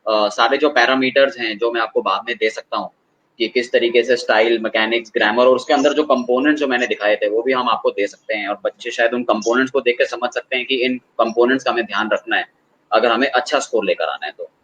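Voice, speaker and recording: A man's voice: medium pitch, fairly even intonation, fairly bright tone. Hesitant male expert, lo-fi audio. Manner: measured, hesitant, calls the host sir. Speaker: guest expert on online assessments. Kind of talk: conversational explanation.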